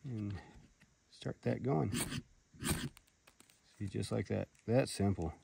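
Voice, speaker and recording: A man's voice: on the low side, takes it slowly, creaky. Rambling man in a noisy outdoor recording. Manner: rambling, hesitant, folksy and profane. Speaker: product reviewer demonstrating fire starting. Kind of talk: casual outdoor demonstration, unscripted.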